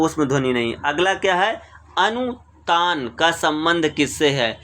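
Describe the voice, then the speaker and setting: A man's voice: on the high side, fairly bright tone. Hindi-speaking man explaining exam answers. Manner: repeats each question then explains answer. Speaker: teacher. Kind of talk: exam question walkthrough. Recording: screen recording voice-over.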